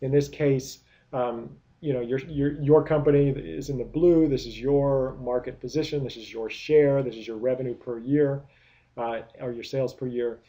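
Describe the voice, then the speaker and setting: Man lecturing with dull, mellow tone. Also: mid-range voice, fairly even intonation, moderate pace. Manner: explanatory, many rhetorical questions, frequent restarts. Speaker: product management lecturer. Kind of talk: recorded lecture.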